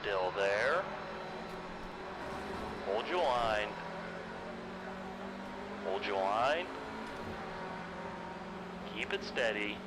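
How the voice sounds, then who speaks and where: A man plays a race spotter on team radio in a racing game. His calls are short and clipped, delivered slowly with a pitch that moves around a lot. Loud engine and vehicle noise runs under everything. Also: expressive. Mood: steady, alert. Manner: terse, clipped.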